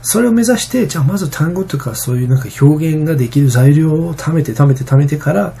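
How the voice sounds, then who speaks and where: Fast, gravelly, husky-voiced man. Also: a little high, lively intonation, dark tone, slight background noise. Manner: rambling, many fillers and restarts. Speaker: vlogger. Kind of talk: casual vlog monologue.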